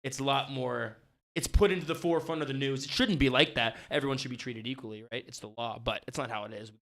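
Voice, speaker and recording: Young male podcast co-host, laid-back and loose, swears a lot, mid-pitched. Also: fast, fairly bright tone. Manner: laid-back, swears often, lots of "like" fillers. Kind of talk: casual podcast chat.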